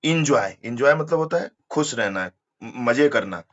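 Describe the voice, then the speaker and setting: A man's voice: mid-range voice, animated, a little slow, fairly bright tone, muffled recording. A man teaching an exam-prep English lesson, explaining step by step and spelling words out letter by letter.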